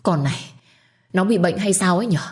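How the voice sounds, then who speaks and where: A woman voicing a spiteful, shrill older secondary wife who screams abuse at servants. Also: fairly quick, lightly acted. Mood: shaken. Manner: shrieking, scolding, abusive.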